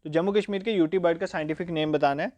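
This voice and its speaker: A male teacher running an exam-prep quiz lesson. He asks each question, answers it himself and repeats the key facts, and reads questions slowly. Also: a little high, darkish tone, no room sound, dull audio. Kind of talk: quiz lecture.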